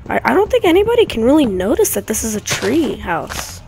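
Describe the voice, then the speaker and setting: Gaming woman chatting to viewers as she plays, rambling and restarting, animated with a touch of gravel, faint noise behind. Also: on the high side, a little fast. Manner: rambling, self-correcting, chatty asides to viewers. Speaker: gaming YouTuber. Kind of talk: casual gameplay commentary. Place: home room with dogs nearby. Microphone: desk mic near a clicky keyboard.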